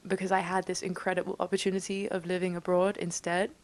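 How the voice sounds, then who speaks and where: A woman's voice: lowish voice, little pitch movement, fast talker, poor audio. A young woman in her twenties from England, with an English accent that carries a slight Dutch tinge, chatting bubbly and enthusiastically to camera from her bedroom. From United Kingdom. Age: 20s. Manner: bubbly and enthusiastic, laughs often. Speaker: vlogger. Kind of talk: casual talk to camera.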